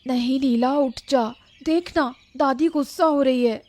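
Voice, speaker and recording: A woman's voice: sits high, unhurried, darkish tone. A woman voicing a young eldest granddaughter who coaxes and placates her grandmother. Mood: coaxing. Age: young adult. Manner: coaxing, placating.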